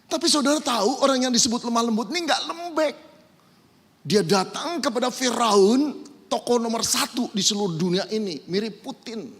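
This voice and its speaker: A man preaches with a high, lively voice that jumps from loud emphasis to quiet asides. His tone is husky. The sound rings out in a hall with a long reverb. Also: normal speed. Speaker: pastor. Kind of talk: sermon.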